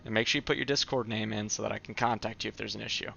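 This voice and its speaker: A male streamer with a low, gravelly voice that still has a bright, forward edge. He chats in a relaxed, easygoing way with his viewers. The audio is dull and lo-fi, like a typical home stream mic. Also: racing, slight background noise. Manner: relaxed, chatty, answers viewer comments. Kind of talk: casual live-stream chat.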